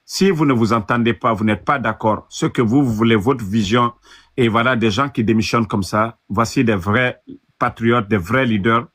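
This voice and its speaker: Guinean guy on a panel, earnest, keeps restarting, normal pitch. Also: fairly bright tone. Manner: earnest, halting, many restarts. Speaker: panel guest. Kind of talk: political panel talk.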